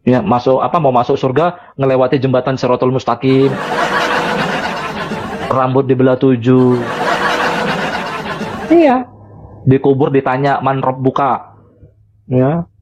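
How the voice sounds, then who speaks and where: A man's voice: medium pitch, measured pace, pauses often, lo-fi sound, background noise. A man talking casually on a live stream as a religious debater, mocking and chuckling between phrases.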